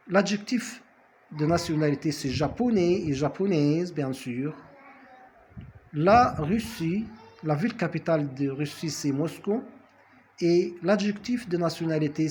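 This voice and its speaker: A man gives a French lesson at a very slow, careful pace, repeating key words and stopping to correct himself. A faint hiss of noise sits under his voice. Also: a little high, a little mellow. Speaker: French teacher. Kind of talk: language lesson.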